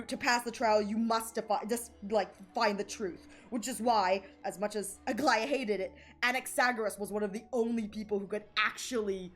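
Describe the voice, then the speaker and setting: A young adult woman streaming a game live, gushing and excitable as she reacts, often stammering over her own restarts. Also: mid-range voice.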